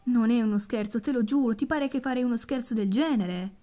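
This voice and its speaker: A woman's voice: fairly high pitch, a little fast, dark tone, close to an everyday voice. Nervous pregnant girl, pleady and jumpy, as a woman puts her on. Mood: insistent. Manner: fretful, pleading. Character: anxious pregnant young woman.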